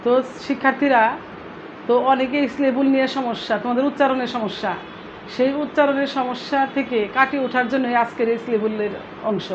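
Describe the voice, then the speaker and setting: A woman's voice: high-pitched, fairly even intonation, fairly quick. A woman teaching an English pronunciation lesson, spelling out syllables letter by letter in a repetitive drill. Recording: dull lo-fi sound with faint noise.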